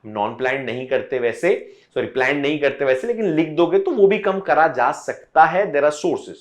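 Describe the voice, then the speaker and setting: A man teaching an online economics class in a fairly high voice, slipping between Hindi and English as he goes. He walks students through each point step by step and circles back to repeat what matters. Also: animated, normal speed. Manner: explains step by step, switching between Hindi and English mid-sentence; talks directly to students, repeating points to drive them home. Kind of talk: online exam-prep lecture.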